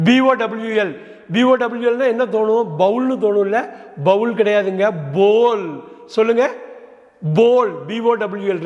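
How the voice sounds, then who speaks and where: A man with a Tamil accent teaching English pronunciation, spelling words out letter by letter and repeating them slowly. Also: high voice, big-room sound, dull audio.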